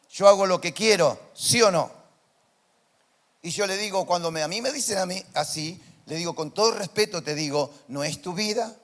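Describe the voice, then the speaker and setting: A male pastor with a Rioplatense Spanish accent, preaching a sermon in church and swinging between quiet, intimate lines and loud, impassioned declarations. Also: fairly high pitch.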